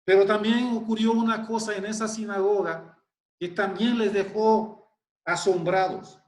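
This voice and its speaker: A man preaching a sermon, explaining scripture in a deliberate, emphatic way and exclaiming in wonder. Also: high-pitched, flat delivery, darkish tone, echoey room.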